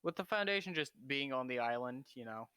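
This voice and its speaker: A man's voice: medium pitch, lively intonation, brisk, pushed and bright, clear, resonant tone, no room sound. A man who is a guest on a casual gaming chat, talkative and loose, often hedging with "you know".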